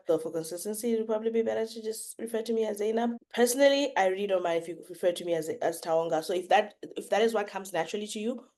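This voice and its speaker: A woman's voice: on the low side, a little mellow. A woman hosting a casual interview podcast, asking thoughtful, probing questions and hedging with "like" and "I don't know". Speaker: podcast host.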